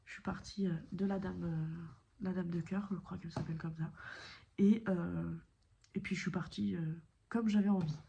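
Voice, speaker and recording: A woman chatting casually about her cross-stitch work, her voice mellow and unhurried. She rambles with fillers and self-corrections, and now and then drops to a soft whisper. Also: fairly low pitch, steady tone, creaky, slight background noise. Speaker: cross-stitch video creator. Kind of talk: casual chat showing stitching projects.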